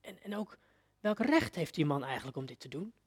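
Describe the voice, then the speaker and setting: A man's voice: a little high, very animated, brisk, husky. A man preacher giving a sermon, telling a story vividly and addressing his listeners directly.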